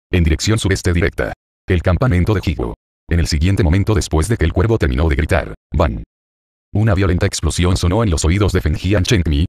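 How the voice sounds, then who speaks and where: A man reads a serialized novel aloud in a deep, low register. He moves through the text at a brisk, steady pace. The sound is dry and close, with no room around it. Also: no room sound. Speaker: narrator. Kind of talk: audiobook reading of a translated web novel.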